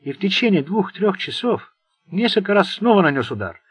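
A man's voice: sits high, sing-song, normal speed, breathy edge, dry recording, pitched above the performer's own voice, heavily acted. A man voicing a bitter, sardonic Italian gangster who rambles nervously. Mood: anxious. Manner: sarcastic, venomous.

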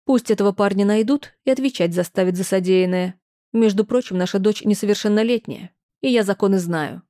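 A woman's voice: medium pitch, a little fast, dark tone, close to an everyday voice. Woman putting on a wailing, scolding mother. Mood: stern. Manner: lamenting, reproachful, clipped orders. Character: older mother, shrill, wailing, then stern.

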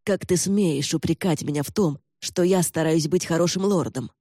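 A gaunt older lord in a fantasy audiobook, voiced by a man, curt and commanding, snapping his words off short. The tone is dark and warm, and the recording is dry and close. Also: fairly high pitch, moderate pace, no echo. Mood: irritated.

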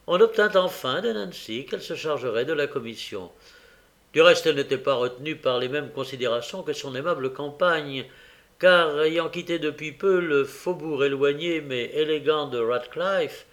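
A man reading a classic novel aloud in measured narration, with small hesitations. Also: on the high side, a bit bright. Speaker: audiobook reader. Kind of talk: scripted narration.

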